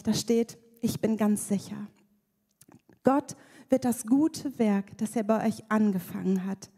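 A woman preaches with a slightly high, lively voice, slipping into playful acted voices now and then. Her sermon rings through a large hall with a long reverb. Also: husky.

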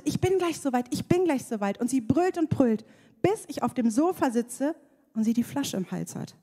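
A woman giving a lively, playful sermon, acting out voices as she preaches. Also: high-pitched. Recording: reverberant hall.

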